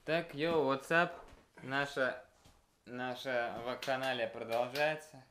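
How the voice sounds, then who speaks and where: A young man chatting and joking casually to a camera in rough, slangy street-lad talk with some swearing. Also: medium pitch, fairly even intonation, slow. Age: young adult. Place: small wood-panelled sauna room. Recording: noisy action-camera sound with clicks.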